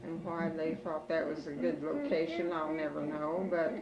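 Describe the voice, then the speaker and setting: An older woman with an American Midwestern accent reminisces about family history in a halting way, pausing as an oral history interviewee at home. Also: deep voice, little pitch movement, a loud crowd. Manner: halting, slow elderly reminiscing with pauses. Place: in a room at home. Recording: roomy, distant home recording with background noise.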